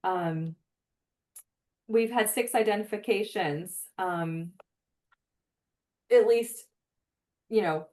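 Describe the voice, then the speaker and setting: A woman's voice: mid-range voice, slow, pauses often, a little mellow. A woman giving a webinar presentation in an earnest, explanatory way, talking conversationally with many "um" fillers. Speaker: presenter for a forensic database program.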